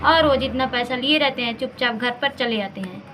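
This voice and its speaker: A woman telling a village doll story in a simple, plain way. Her voice is high and bright, with faint background noise. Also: brisk. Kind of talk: storytelling narration with dolls.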